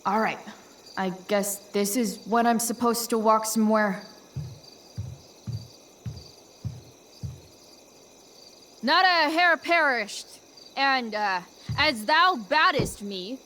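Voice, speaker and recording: A woman playing a blunt, sarcastic and reluctant rebellious teenage girl in a video game, halting when she recites. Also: a little high, lively intonation, sharp tone, a little hiss or hum, full character voice. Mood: hesitant, puzzled. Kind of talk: naturalistic video game acting.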